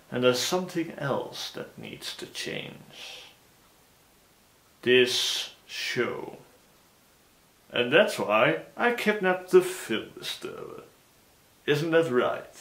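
A man's voice: mid-range voice, bright, forceful tone, exaggerated voice. A man voicing a grandiose, theatrical male demon who makes pompous, dramatic proclamations. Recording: roomy echo.

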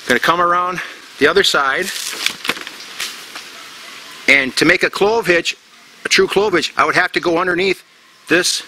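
Middle-aged outdoor instructor, bright edgy voice, casual step-by-step demo, faint background ambience. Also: male voice, fairly high pitch, slight background noise. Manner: plain, step-by-step, repeats himself with fillers. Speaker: bushcraft instructor. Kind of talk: casual outdoor knot demonstration. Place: outdoors in tropical forest.

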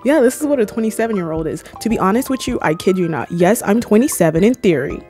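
Fast and mid-range, her voice rides over soft background music as she talks to camera. She's a twenty-something YouTuber from Cameroon, playful and lively with squealing jokes, speaking into a mic held near her mouth inside a small room with red lighting.

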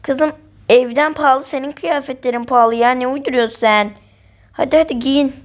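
A woman's voice: high-pitched, moderate pace, close to an everyday voice. A woman voicing a stern, scolding mother who tells her daughter off in short, curt sentences.

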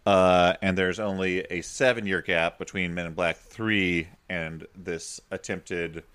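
A man's voice: low-pitched, fairly even intonation, measured pace, a bit bright, smooth, no room sound. A man co-hosting a comedy podcast, sharing movie trivia in a casual, slightly hesitant way. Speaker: podcast co-host.

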